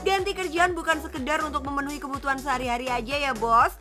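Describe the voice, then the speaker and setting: A woman narrates a scripted TV magazine feature in a playful, chatty manner, calling the viewers "boss." Her voice sits high, with fairly even intonation and a fast pace, over a music bed.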